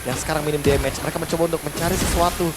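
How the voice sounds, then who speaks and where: A woman's voice: deep voice, fairly even intonation, racing. A woman with an Indonesian accent giving analytical esports commentary. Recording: clear background noise over broadcast commentary.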